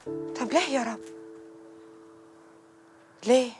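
A woman's voice: high voice, takes it slowly, a little mellow, faint music behind. A desperate poor village mother. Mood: despairing. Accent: Egyptian. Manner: pleading, anguished, crying out to God.

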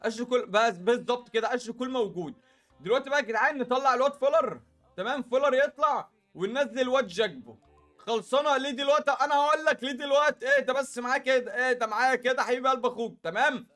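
A man's voice: extremely high pitch, racing, sharp tone, soft background music. A young man with an Egyptian Arabic accent giving casual gameplay commentary. He chats straight to his viewers and fills his talk with asides. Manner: chatty, talks straight to viewers with lots of filler asides. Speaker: gaming YouTuber.

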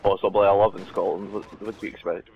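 A man's voice: deep voice, fast, gravelly, highs cut off, a little hiss or hum. A man chatting casually while playing a video game, joking and swearing a lot. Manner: joking, crude, excitable. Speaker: gamer. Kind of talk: casual gaming chat.

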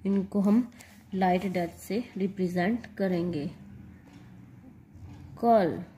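Slow, mellow-voiced woman teaching shorthand. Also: on the low side, slight background noise. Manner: spells out letters and repeats example words. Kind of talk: slow step-by-step lesson.

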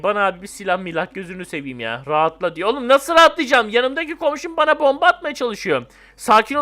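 Excitable young man doing game commentary. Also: sits high. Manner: excitable, jumpy, joking, talks to friends and viewers. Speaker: gaming YouTuber. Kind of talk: casual gameplay commentary.

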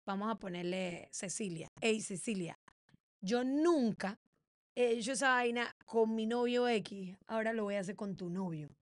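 A woman chats casually as a podcast co-host, animated and full of laughs as she acts out other people's lines. Her voice sits a bit high. The sound is close and dry, with no room in it. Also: no echo. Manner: animated storyteller acting out quoted voices with laughs. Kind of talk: casual chat.

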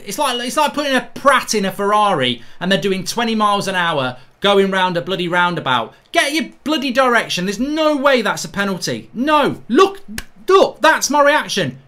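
A middle-aged man, reacting live to a football match, ranting, swearing and shouting in exasperation. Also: sits high. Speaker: football fan channel host.

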